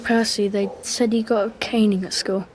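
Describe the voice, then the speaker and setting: An actress voicing a sharp, sarcastic young woman in a video game, questioning someone in a dry, probing way. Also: mid-range voice, level tone, normal speed, lightly acted, low-quality recording.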